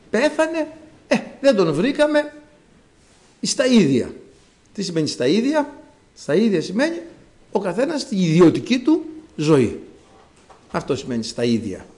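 A man preaching a sermon, telling a story and shifting between loud exclamations and soft asides. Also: medium pitch.

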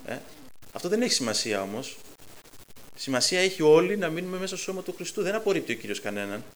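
A man preaching a sermon to his congregation, putting questions to them and building to loud emphatic passages. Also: fairly high pitch, very animated. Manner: asks the congregation direct questions.

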